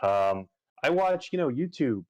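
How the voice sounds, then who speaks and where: A man's voice: medium pitch, big pitch swings, measured pace, a little mellow, no echo, highs cut off. A man chatting casually on a livestream, rambling with lots of fillers and restarts. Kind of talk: casual chat while gaming on a livestream.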